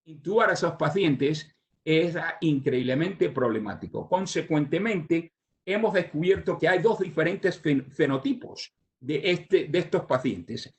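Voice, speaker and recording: With a slightly high voice and lively intonation, an older surgeon lectures at a conference. Born in Cuba and brought up in the US, he speaks with a Cuban Spanish accent shaped by English, his talk broken by frequent "ah" fillers and restarts.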